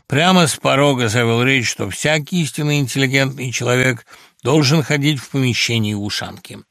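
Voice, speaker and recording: A man narrating a comic short story as an audiobook, in a lively, wry manner. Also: medium pitch, fairly quick, vocal fry, dry recording, studio quality.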